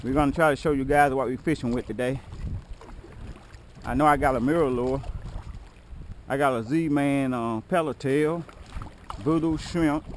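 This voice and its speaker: A man fishing from a kayak outdoors, chatting casually to viewers and his partner, often excited. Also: medium pitch, moderate pace, long pauses, a little hiss or hum. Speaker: kayak angler filming his trip. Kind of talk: casual fishing vlog chat. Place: kayak on open water outdoors. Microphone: action camera mounted on the kayak.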